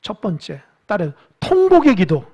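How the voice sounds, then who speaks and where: A pastor preaching a sermon in a lively way, putting questions to the congregation and exhorting them. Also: mid-range voice, normal speed, muffled recording. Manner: animated, asks the congregation questions; exhorting, with quiet stretches.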